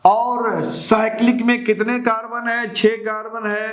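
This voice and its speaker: A man's voice: very high voice, little pitch movement, unhurried, a bit bright. A man teaching chemistry to students in a lecture, asking rhetorical questions, repeating the answers and calling his students children. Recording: echoey room.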